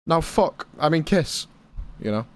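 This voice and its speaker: A man's voice: a little high, lively intonation, measured pace. A British man streaming a game and chatting casually with his viewers, rambling and swearing freely. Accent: British English. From Britain. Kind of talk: casual chat with live viewers.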